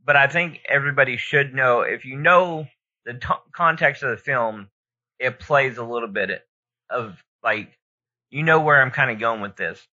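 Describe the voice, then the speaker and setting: Very bright-voiced man, rambling casually. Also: medium pitch, moderate pace. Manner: rambling, informal, thinking aloud. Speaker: podcast co-host. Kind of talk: casual opinionated chat. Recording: dull lo-fi audio.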